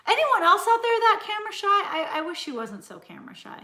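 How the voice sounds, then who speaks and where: A woman hosting a casual live-stream chat, frank and chatty and quick to laugh, talking from home. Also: very high-pitched, sing-song, bright, forceful tone. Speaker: cooking channel host. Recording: roomy echo.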